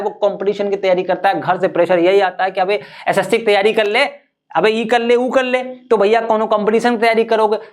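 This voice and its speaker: A young man teaching an English class online. He talks in a lively way, asks rhetorical questions and answers them himself, and drops English terms into his Hindi. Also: high-pitched.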